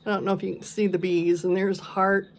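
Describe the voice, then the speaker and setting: A woman chatting casually as a vlog host, showing her stitching projects, with a relaxed, rambling manner and plenty of ums. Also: mid-range voice. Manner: slow, chatty, many ums and pauses. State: coughing and sneezing now and then. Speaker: flosstube vlogger. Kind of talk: casual show-and-tell chat.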